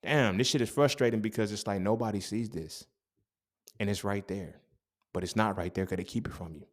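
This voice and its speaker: A young man with a fairly low voice talks straight to his listener in a loose, profane monologue. He drives his points home with emphasis and keeps asking whether you feel him. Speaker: podcast host. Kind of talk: casual motivational monologue.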